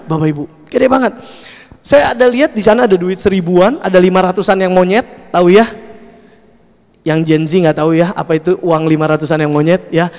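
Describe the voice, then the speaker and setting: A man in his thirties with an Indonesian accent, preaching at a youth service through an animated personal story, mixing in casual slang and English. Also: high voice. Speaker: speaker. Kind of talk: sermon storytelling. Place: large church hall. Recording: long hall reverb.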